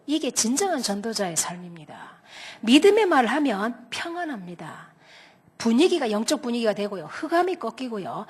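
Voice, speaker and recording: A middle-aged woman, a pastor's wife, preaching a sermon and acting out stories with shouted lines. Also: a little high, slightly rough. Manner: dramatic storyteller, shouts out quoted lines; lively, quick-tempered delivery. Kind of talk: animated sermon with acted stories.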